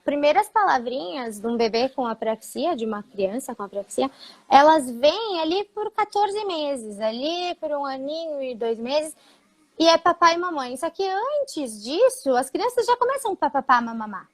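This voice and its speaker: A woman's voice: sits high, big pitch swings, a little slow. A woman speech therapist, explaining patiently in a live talk, with frequent fillers.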